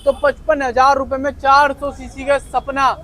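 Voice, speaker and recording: A man's voice: very high voice, flat delivery, unhurried, bright, forceful tone. A man hosting a promotional vlog, recapping deals and prices for his viewers. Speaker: vlog host promoting a dealer's bikes. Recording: outdoor street and traffic noise.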